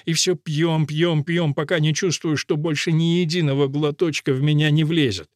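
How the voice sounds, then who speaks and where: A man's voice: fairly high pitch, fairly even intonation, moderate pace, dry recording, studio quality, voice pushed up, close to an everyday voice. A man reading a plaintive, complaining chauffeur. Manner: complaining, moaning, hushed. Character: troubled male chauffeur confiding in a woman, plaintive. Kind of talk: audiobook reading.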